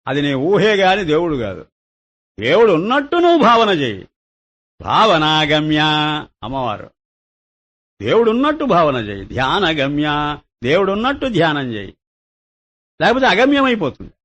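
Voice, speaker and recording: A man's voice: fairly high pitch, very animated, normal speed, long pauses, fairly bright tone. A man speaking into a microphone as a spiritual teacher, giving a discourse full of rhetorical questions and teasing scolds.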